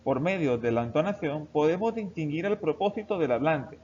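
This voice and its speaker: Male teacher, higher-pitched voice, steady explanatory lesson delivery, muffled lo-fi recording. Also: fairly quick. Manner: steady explanatory delivery, addressing students directly. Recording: dull lo-fi recording with faint background hiss.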